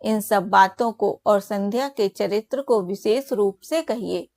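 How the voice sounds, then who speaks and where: A woman voicing the male sage Narada, asking questions in a slow, reverent tone. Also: mid-range voice, darkish tone, no room sound, lightly acted. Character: sage Narada, a curious devout male seer.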